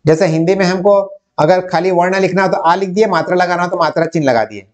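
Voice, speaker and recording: A man's voice: high-pitched, quick pace. A man with a North Indian accent who teaches Hindi, giving a lecture step by step and asking and answering his own questions. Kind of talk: whiteboard lecture.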